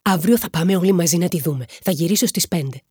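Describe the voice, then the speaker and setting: Female narrator voicing a composed, level-headed man; measured, soothing, low and husky. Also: mellow, no room sound, studio quality. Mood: calming. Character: calm reasonable man, patient brother.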